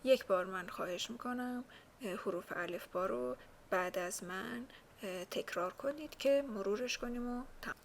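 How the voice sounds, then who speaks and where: A woman teaching a language lesson slowly, saying each word twice for learners to copy. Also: mid-range voice, creaky, slight background noise. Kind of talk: spoken lesson.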